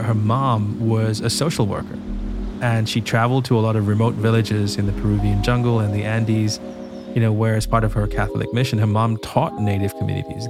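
Low-voiced male podcast host. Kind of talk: scripted intro and casual chat.

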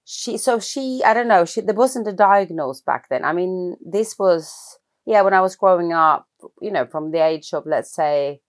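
A woman from Norway speaks English, her voice sitting a little low for a woman. She talks thoughtfully, pausing and restarting sentences as she searches for the right words. This is an unhurried, personal interview. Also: expressive. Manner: thoughtful, hesitant, many restarts. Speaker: guest, film writer-director.

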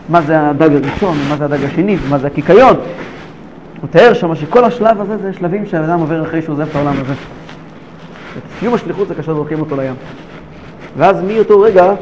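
Very high-voiced man teaching Torah. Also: slight background noise, poor audio. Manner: rhetorical questions, swings between hushed and emphatic.

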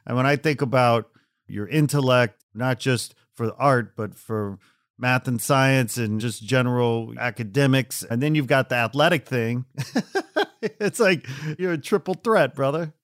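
A man's voice: medium pitch, measured pace. Male interviewer, casual chat, admiring, laughs easily.

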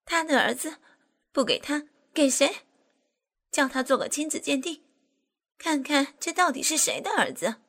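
A woman voicing a furious young woman who shouts her indignation in an audiobook scene. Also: high-pitched, big pitch swings, unhurried, pauses often, pitched above the performer's own voice, full character voice. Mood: defiant. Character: furious young woman, scorned ex-lover, shrill. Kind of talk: audiobook character voice.

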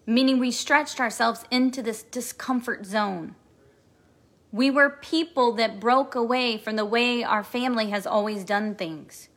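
A woman's voice: on the high side, pushed and bright. A woman in her forties hosting a podcast, giving an emphatic motivational monologue with lots of repetition. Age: 40s. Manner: emphatic, repetitive, emotional at times. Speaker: podcast host and coach.

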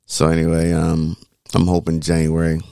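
A man's voice: rumbling low, completely flat delivery, normal speed, creaky, warm tone, clean tone, no echo, clean studio sound. A man co-hosting a podcast in casual, colloquial, laid-back chat, his speech slightly slobbery around dental braces. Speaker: podcast co-host.

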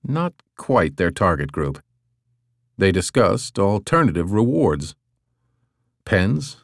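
A male audiobook narrator telling the story in a lowish voice with lively, varied intonation. The sound is close and dry, with no room around it. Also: slow pace, creaky, dry recording. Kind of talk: scripted narration.

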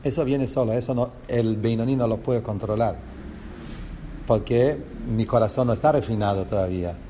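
A man's voice: mid-range voice, normal speed, dark tone, a little hiss or hum. Rioplatense man teaching a religious class. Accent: Rioplatense Spanish. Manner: explanatory, with rhetorical questions to the class. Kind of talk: lesson on a religious text.

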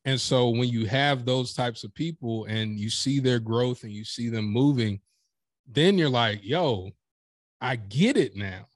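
Animated man talking business, dry sound. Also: medium pitch, measured pace, no room sound. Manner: animated, emphatic storytelling with acted-out quotes. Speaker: podcast guest, professional speaker. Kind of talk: casual interview chat.

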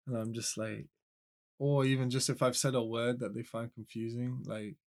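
A man's voice: medium pitch, little pitch movement, moderate pace. A man from England with an English accent, chatting on a podcast in a laid-back, loose way and swearing freely. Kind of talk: casual podcast chat.

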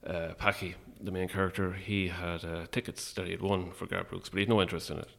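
A man with an Irish midlands accent talking casually and a little hesitantly as an interview guest, in a low-key, wry way. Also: flat delivery, fast, gravelly, fairly bright tone. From Longford, Irish midlands.

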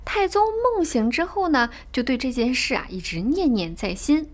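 A woman retelling a classic tale casually, chatty and expressive, with asides to the listener. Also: high-pitched, normal speed. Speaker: storyteller. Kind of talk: casual storytelling podcast.

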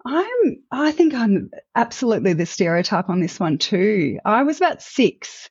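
A woman's voice: mid-range voice, very animated, normal speed, slightly rough, dry recording, highs cut off. A woman in her thirties with an Australian accent, a veterinarian chatting reflectively as an interview guest, with fillers and restarts. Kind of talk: conversational interview.

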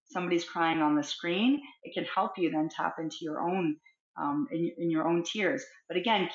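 A middle-aged woman with a fairly low voice talks reflectively as a counsellor on an interview. She is expressive and acts out small scenes. The sound is roomy and a little muffled. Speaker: guest, counsellor. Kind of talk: conversational interview.

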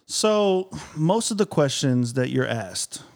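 A man co-hosting a casual podcast chat, playful and hyped, giving shout-outs. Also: mid-range voice, sing-song, slow, creaky. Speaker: podcast co-host.

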